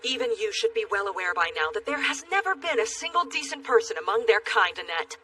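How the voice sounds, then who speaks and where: An actress playing a stern, judgmental temple priestess, forceful and disapproving, in an anime dub. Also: female voice, a little high, sing-song, quick pace, distant mic. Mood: stern, scornful.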